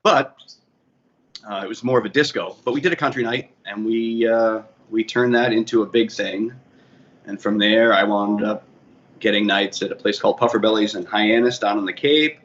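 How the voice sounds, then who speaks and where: A DJ and bar manager from the Boston area, with a Boston accent, tells his career story as a guest in a casual interview, rambling and often correcting himself. His fairly low voice is a bit bright at a normal speed, on muffled audio with faint ambient noise.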